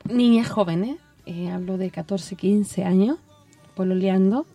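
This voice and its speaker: A middle-aged Chilean woman telling stories on community radio in a casual, animated way, acting out the voices of the people she quotes. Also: medium pitch, measured pace, slightly rough, no room sound, soft background music. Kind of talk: casual conversational storytelling.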